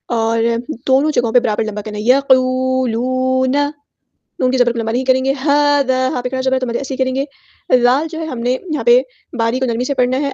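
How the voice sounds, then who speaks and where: A woman teaching Quran recitation rules in a patient, step-by-step manner and reciting verses slowly. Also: high voice, warm tone, dry recording, highs cut off. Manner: patient, explains each rule step by step; drawn-out melodic recitation of verses. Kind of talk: tajweed lesson with slow recitation.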